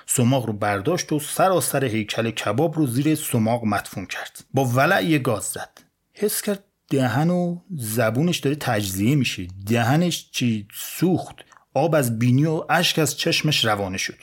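A man's voice: animated, husky. A man hosting a podcast, narrating a biography in a playful scripted way and putting on voices for quoted people. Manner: playful, voices quoted characters with wide swings in pitch. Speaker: podcast host and storyteller.

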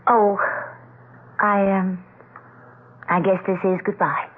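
A woman's voice: medium pitch, level tone, takes it slowly. A woman acting a self-possessed, proper married woman in a 1970s radio drama, direct and well-spoken. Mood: shaken, grateful. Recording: noisy, narrow-band old radio recording.

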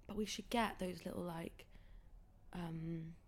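A young woman hosting a casual podcast chat, expressive, giggly and over the top. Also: on the low side, takes it slowly. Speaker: podcast host.

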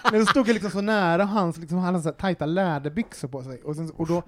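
A high-voiced man hosting a casual podcast. He rambles through his questions and laughs easily. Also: crowd noise. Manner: chatty, rambling, laughs often. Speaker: podcast host.

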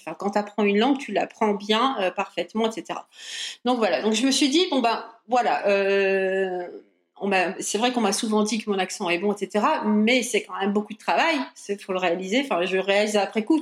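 A woman's voice: a little high, roomy sound. A French woman guest in a casual interview, talking with many hesitations and restarts. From France.

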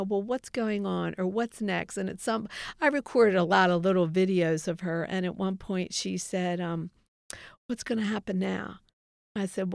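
A woman's voice: medium pitch, vocal fry, no room sound, studio quality. A middle-aged woman giving a heartfelt faith testimony as an interview guest, earnest and reflective. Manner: earnest, reflective, quotes others in dialogue.

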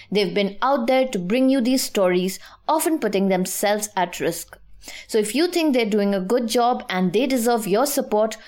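A woman with an Indian English accent presenting scripted news in a measured, formal and articulate manner. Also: a little high, a little mellow.

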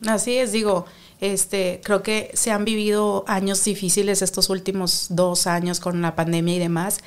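Mexican woman, lively storyteller, chatting casually with her partner. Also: medium pitch, moderate pace, smooth. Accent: Mexican Spanish. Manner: animated storyteller, acts out quotes. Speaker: co-host talking with her partner. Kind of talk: casual conversation.

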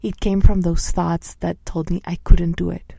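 A woman in her thirties, a coach, speaking softly and earnestly about her own experience, at times voicing inner thoughts. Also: lowish voice, flat delivery, moderate pace, gravelly, no echo. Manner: soft-spoken, earnest, acts out inner voices. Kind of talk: reflective personal talk.

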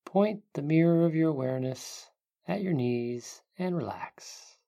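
In a creaky, expressive, mid-range voice, a meditation narrator speaks much as a sleep story narrator would. The guidance is soft and hushed, with long pauses along the way.

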